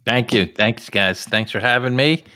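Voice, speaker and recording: A man with a scratchy, hoarse voice from lack of sleep, joking around as a guest author in a casual podcast chat. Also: medium pitch, a little slow, pushed and bright, dry recording, studio quality. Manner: joking, playful banter.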